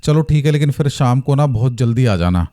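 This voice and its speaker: A man quoting his frightened, feverish young wife, anxious and pleading in his own dark voice. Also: mid-range voice, animated, brisk, lightly acted.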